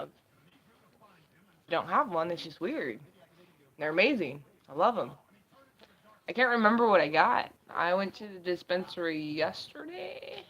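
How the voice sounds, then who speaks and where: A woman's voice: lowish voice, a bit bright. A woman vlogging in casual chat, with a laid-back, slangy, sweary stoner way of talking.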